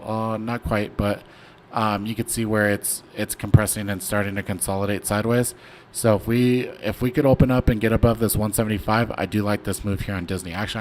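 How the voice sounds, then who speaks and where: A young man chats loosely through a trading stream in a fairly low voice, filling gaps with ums and slang. Soft background noise sits under his talk. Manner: laid-back, rambling, slangy with many fillers. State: hiccuping. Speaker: stock trading stream host. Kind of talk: casual livestream chart talk.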